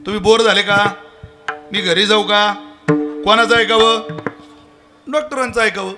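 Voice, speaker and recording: A man's voice: high-pitched, unhurried, music in the background. A man giving a devotional kirtan sermon with a Marathi accent, telling stories and acting out characters' lines for the audience. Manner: storytelling with lively voiced characters and questions to the audience. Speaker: kirtan preacher.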